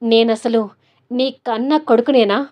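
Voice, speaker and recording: A woman voicing a hot-tempered young man who shouts furiously at his mother. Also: on the high side, fairly even intonation, measured pace, highs cut off, natural voice. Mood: bitter. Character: angry young husband, hot-tempered son.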